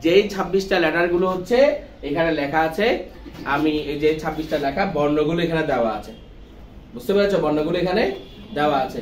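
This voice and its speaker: A man's voice: on the high side, fast. A man teaching English letter pronunciation, quizzing his class with repeated questions. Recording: echoey room with faint noise.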